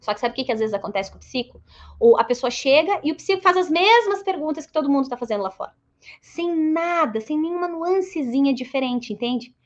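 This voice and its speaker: A woman psychologist giving a lively motivational talk to colleagues, telling stories and acting out her patients' lines. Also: high voice, a little fast, dull audio. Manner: storytelling, acts out patients' lines in a raised voice. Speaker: psychologist and course mentor.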